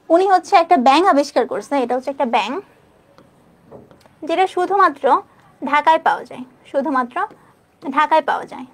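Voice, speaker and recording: A young woman teaching an online exam-prep biology lesson, spelling out scientific names slowly, repeating each one, and checking in with her students. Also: sits high. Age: young adult.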